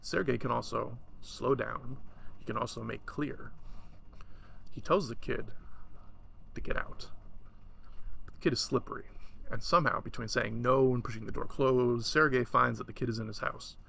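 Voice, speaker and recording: A man reading a short story aloud in a relaxed way, stopping now and then for casual asides. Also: medium pitch, moderate pace, vocal fry, pauses often, a little hiss or hum. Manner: relaxed, chatty asides between passages.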